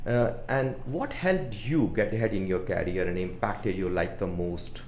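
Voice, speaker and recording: Upbeat male interviewer; lowish voice, roomy echo. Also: a little slow, muffled recording, a little hiss or hum. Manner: upbeat, enthusiastic greeting. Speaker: interviewer, leadership coach. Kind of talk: scripted interview questions.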